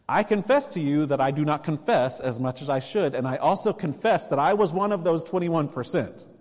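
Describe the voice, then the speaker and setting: A man's voice: medium pitch, darkish tone. A man preaching a sermon as pastor, earnest and conversational, pressing points with emphatic exhortations. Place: church sanctuary. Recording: long reverb of a church sanctuary.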